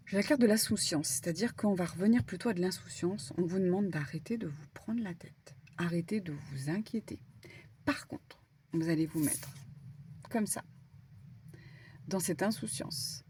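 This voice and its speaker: A woman medium giving a casual spiritual card reading, talking in an animated, stumbling way with many fillers. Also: fairly low pitch, normal speed, slight background noise. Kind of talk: spiritual guidance talk, casual.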